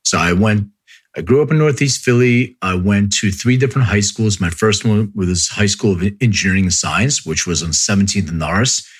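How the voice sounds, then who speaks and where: A man's voice: fairly low pitch, normal speed, slightly rough. A man from Philadelphia hosting a casual interview, rambling with many restarts and frequent laughs. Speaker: podcast host.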